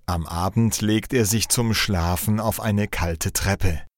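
A man reading a fairy tale aloud slowly and clearly, in a measured, expressive storytelling style. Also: fairly low pitch, dry recording, clean studio sound. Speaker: narrator. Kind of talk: slow storybook reading for learners.

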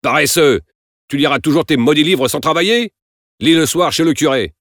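Gruff, scolding old peasant father, put on by a male narrator; loud, raised voice. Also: fairly low pitch, sing-song, a little fast, dry recording. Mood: furious. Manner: harsh, scolding, shouting.

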